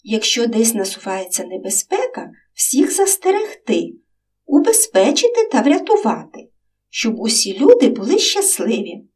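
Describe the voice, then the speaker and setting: Storybook boy, voiced by a woman: high, lively, earnest. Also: normal speed, recorded from a distance. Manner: earnest, eager, a bit shy. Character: earnest young boy, dreams of saving the world.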